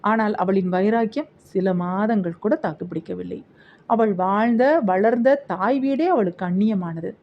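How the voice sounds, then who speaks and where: A woman's voice: medium pitch, normal speed, muffled recording, a little hiss or hum. A woman narrating a novel as an audiobook, telling the story expressively.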